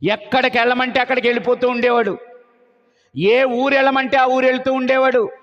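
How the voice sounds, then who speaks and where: A man's voice: very high voice, level tone, brisk. A male preacher telling a Bible story as a sermon, often posing questions and answering them himself. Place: church meeting. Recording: muffled sound with long hall reverb.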